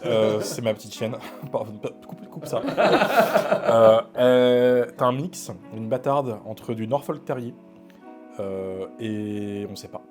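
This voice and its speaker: Informal man, medium-pitched. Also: lively intonation, slow, darkish tone, faint music behind. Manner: slangy, informal, swearing. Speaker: guest, horror film content creator. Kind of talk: casual chat.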